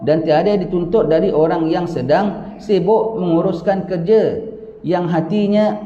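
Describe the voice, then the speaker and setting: A man's voice: on the high side, warm tone. A man with a Malaysian accent giving a religious lecture, reading from a book and then explaining it with asides and rhetorical questions. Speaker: religious teacher. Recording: dull lo-fi recording in an echoey hall.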